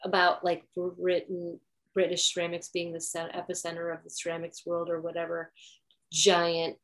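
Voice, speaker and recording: A woman's voice: lowish voice, monotone, normal speed, fairly bright tone. A woman co-hosting a podcast in casual chat, talking loosely with lots of "like" fillers and laughing easily. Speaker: podcast co-host.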